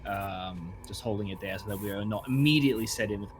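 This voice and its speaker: A man's voice: lowish voice, fast talker, a little hiss or hum. A man playing in a live tabletop game, talking in an easygoing, casual way. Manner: easygoing, bursts into excited laughter. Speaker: player.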